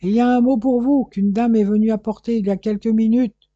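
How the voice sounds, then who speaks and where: A shrill, loud concierge woman calls out her message, her voice pitched well above the reader's own, as a male narrator puts her on. The sound is dark and a little husky, and the audiobook recording is dry and close. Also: steady tone, fairly quick, no echo, highs cut off, lightly acted. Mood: eager. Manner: calling out loudly.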